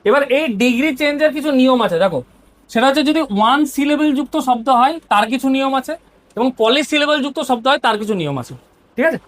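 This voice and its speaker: Brisk Bengali-accented woman teacher. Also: high-pitched, animated. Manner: explains step by step, often asks "ঠিক আছে?". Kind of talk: grammar lesson explanation.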